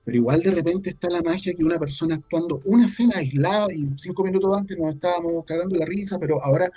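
His voice sits high and sounds dark and slightly rough, and he talks fast. The Chilean Spanish-accented audio drama creator and scriptwriter chats as an interview guest, relaxed and reflective, with slang scattered throughout.

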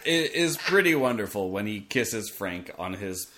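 A man's voice: lowish voice, animated, unhurried, sharp tone. A man co-hosting a podcast, chatting casually about a TV episode, amused, laughing often and making playful asides. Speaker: podcast co-host.

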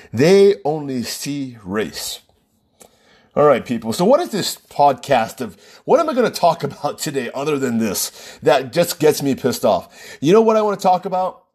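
An American man with a slightly husky, darkish voice delivers an opinionated solo monologue on his own podcast. His pitch sits a bit high and swings widely as he presses his points, very animated yet unhurried. He's emphatic and rhetorical, frequently checking in with "right?"

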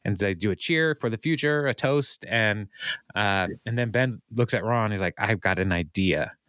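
A man's voice: on the low side, moderate pace, a bit bright, clear, resonant tone, dry recording, clean studio sound. A man hosting a podcast, casually recapping a TV episode with frequent laughs and filler words. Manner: laughs often, many ums and uhs. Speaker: podcast host.

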